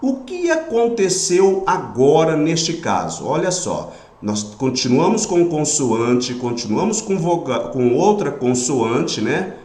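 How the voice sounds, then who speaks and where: A man teaching a grammar lesson in Brazilian Portuguese, patient, pausing often to check that students follow. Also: on the high side, sing-song, darkish tone, roomy sound.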